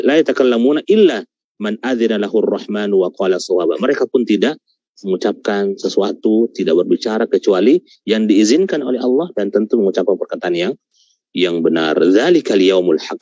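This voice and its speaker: A male Quran teacher giving a tafsir lecture, reciting Arabic verses and explaining them in a halting way with many fillers. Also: on the low side, lively intonation, a little mellow, dry recording. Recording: dull, lo-fi sound.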